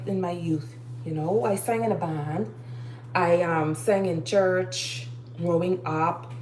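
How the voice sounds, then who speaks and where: A woman's voice: fairly low pitch, a little mellow, a little hiss or hum. A woman in her thirties giving life advice in a casual live-stream monologue from her kitchen, preachy and urging, repeating her key phrases. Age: 30s. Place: home kitchen while cooking.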